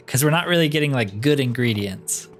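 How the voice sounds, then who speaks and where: Playing a fantasy roleplay game for his YouTube let's-play, this man talks in an animated, mid-range voice at a moderate pace, chatting and musing aloud as he goes.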